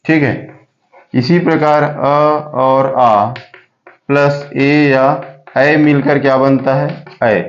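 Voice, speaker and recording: A man teaches a grammar lesson at a very slow, deliberate pace, going over each point again and checking that his students follow. His voice sits in a middle register. The recording is muffled and lo-fi, with a noticeable echo from the room. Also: mid-range voice, steady tone. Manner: repeats points and keeps checking with "clear?". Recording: echoey room, dull lo-fi sound.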